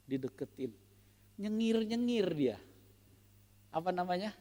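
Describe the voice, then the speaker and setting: A man preaching a sermon as pastor, playful and animated, asking the congregation rhetorical questions. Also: mid-range voice, gravelly, big-room sound. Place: church.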